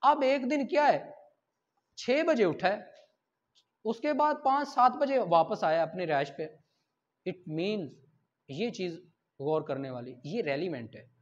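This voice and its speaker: With a high, animated voice and a measured pace broken by frequent pauses, a Pakistani-accented man lectures on law. He explains by example, answers his own questions, and code-switches into English terms over dull lo-fi lecture audio.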